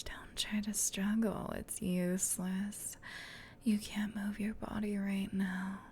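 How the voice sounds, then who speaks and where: A woman performs a female sleep paralysis demon in an ASMR roleplay. She whispers closely in a breathy, intimate way, slow and with little swing in pitch. A low noisy rumble sits behind the voice. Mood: mocking, gloating. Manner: slow, teasing, hushed, intimate. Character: female sleep paralysis demon, menacing tease turned flustered gentle comforter.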